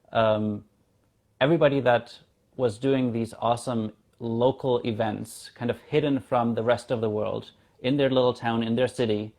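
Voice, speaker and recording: A German man in his thirties, a native German speaker with a mid-range, slightly mellow voice, chats casually as an interview guest over a video call. He is a community founder.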